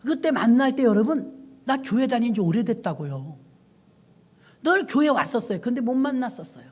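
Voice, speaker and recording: A woman's voice: on the high side, moderate pace, husky. A woman pastor preaching a sermon, telling stories and speaking directly to the congregation. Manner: lively storytelling, addresses congregation directly.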